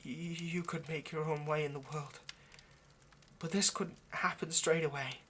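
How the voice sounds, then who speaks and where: The speaker is a man acting as an earnest vampire in love, coaxing a partner in an intimate roleplay monologue through hesitant stammers and gentle persuasion. This time the mood is solemn and cautioning. His voice is a little high with fairly even intonation and an unhurried pace, over a little hiss or hum.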